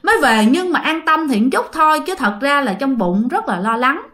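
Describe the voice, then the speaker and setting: At normal speed, a channel host with a Southern Vietnamese accent narrates listener ghost stories in a sing-song voice that sits high and sounds fairly bright. Her style is chatty, and she addresses her listeners directly.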